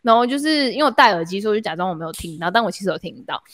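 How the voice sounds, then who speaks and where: A woman's voice: mid-range voice, rapid-fire, dry recording. A young woman with a Taiwanese Mandarin accent, hosting a podcast and telling a story in casual chat full of fillers and laughs. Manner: animated, laughs mid-story, lots of fillers. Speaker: podcast host.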